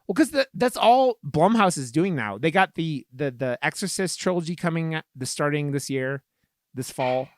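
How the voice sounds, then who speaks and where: A man's voice: fairly high pitch, lively intonation, moderate pace, no echo, studio quality. A young man co-hosting a podcast in casual chat, rambling with lots of fillers and swearing. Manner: rambling, profane, many fillers. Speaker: podcast co-host.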